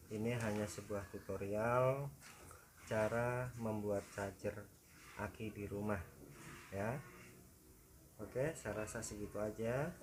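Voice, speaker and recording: A man's voice: on the low side, noisy background. A man giving a casual DIY how-to demonstration at home, talking to viewers like friends. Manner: relaxed, talks straight to viewers as friends. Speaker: DIY tutorial maker.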